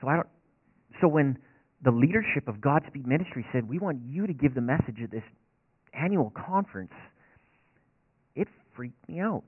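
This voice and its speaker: A man's voice: medium pitch, expressive, moderate pace, long pauses, breathy edge, dry recording. A man, a racetrack chaplain telling an earnest, folksy, self-deprecating story as a sermon. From northern Alberta. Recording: dry, tinny phone-like sound.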